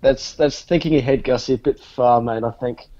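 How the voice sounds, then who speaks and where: A man's voice: medium pitch, fairly even intonation, normal speed, mellow. A man co-hosting a sports podcast, casually bantering and asking questions. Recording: slightly dull, lo-fi audio.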